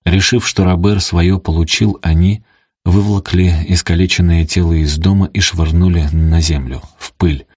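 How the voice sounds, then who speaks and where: A man narrating an audiobook in a steady, dramatic storytelling manner. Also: sits low, normal speed, husky, dry recording, clean studio sound. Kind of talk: audiobook reading.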